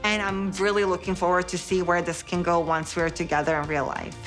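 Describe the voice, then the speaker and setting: A woman's voice: on the low side, little pitch movement, a little fast, over music. A woman in her thirties from Bosnia, telling her dating story candidly in a confessional interview, with frequent giggles. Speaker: reality show cast member.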